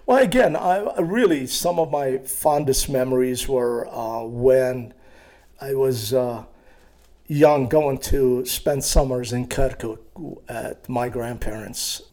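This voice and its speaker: A man in his sixties from Iraq, telling his life story in an interview with a hesitant, halting manner and many fillers. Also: mid-range voice, a little mellow. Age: 60s. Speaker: guest.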